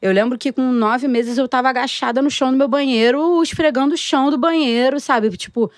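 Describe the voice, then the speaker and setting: Woman in her thirties, lively storyteller. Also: high-pitched, brisk, no room sound, studio quality. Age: 30s. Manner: lively storytelling, acts out quoted dialogue. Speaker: interviewee, cook. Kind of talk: casual interview talk.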